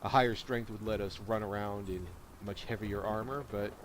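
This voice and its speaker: A man with a voice on the low side speaks at normal speed, giving casual video game commentary with rambling explanatory asides. Game ambience and noise create steady background noise.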